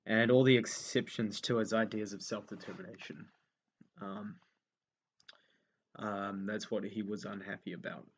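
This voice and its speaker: A man's voice: fairly low pitch, fairly even intonation, unhurried, pauses often, husky. A young man running an unscripted history revision lesson, thinking aloud with many ums and repeating key points as he writes them down. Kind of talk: unscripted revision lesson while writing notes.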